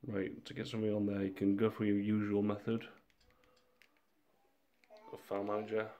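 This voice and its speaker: A man with a cold talking through a screen tutorial in a monotone, laid-back way. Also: on the low side, moderate pace. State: has a cold. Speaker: tutorial maker.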